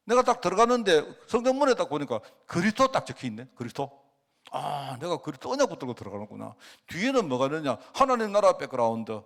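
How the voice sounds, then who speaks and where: Middle-aged male pastor, animated sermon delivery, rhetorical questions, slightly high voice with wide swings. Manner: animated preaching with sudden loud and soft swings; asks the congregation rhetorical questions.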